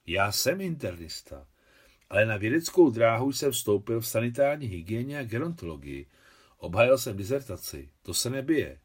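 A man's voice: mid-range voice, big pitch swings, husky. A man voicing a jovial, modest young father and scientist in an audiobook.

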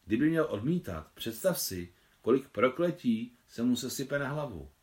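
A man's voice: medium pitch, big pitch swings, darkish tone, pitched above the performer's own voice, close to an everyday voice. A man voicing a shrewd, talkative woman, a marshal's wife, in an audiobook reading, chatty and lecturing. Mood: confident. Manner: chatty, self-assured, lecturing.

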